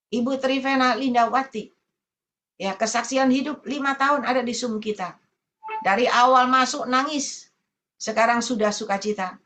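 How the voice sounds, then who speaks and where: A woman's voice: a little high, fairly bright tone. A woman evangelist preaching a sermon to an online meeting, colloquial and repetitive, stressing points by saying them again.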